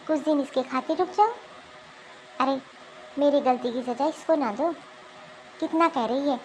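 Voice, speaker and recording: A woman voicing a remorseful, kind middle-aged mother-in-law in an animated cartoon, speaking earnestly. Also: high voice, slight background noise, poor audio.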